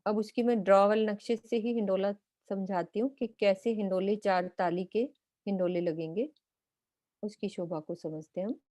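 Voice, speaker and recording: A woman's voice: mid-range voice, fairly even intonation, normal speed, dark tone, dry recording, studio quality. A woman teaching a lesson, patiently explaining step by step while pointing out details on a map. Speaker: spiritual teacher.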